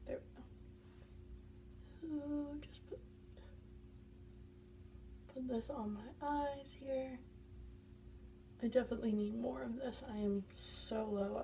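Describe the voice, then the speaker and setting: A woman's voice: medium pitch, vocal fry, mellow, recorded from a distance, slight background noise. Congested woman chatting through a makeup routine. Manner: chatty, explains each step as she goes. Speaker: beauty vlogger. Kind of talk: casual makeup tutorial.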